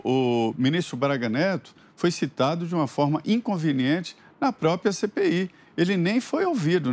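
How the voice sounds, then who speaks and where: A male commentator with a somewhat high voice. He explains at a steady pace and pauses often on fillers. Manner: measured, explanatory, hesitant fillers. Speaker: political commentator.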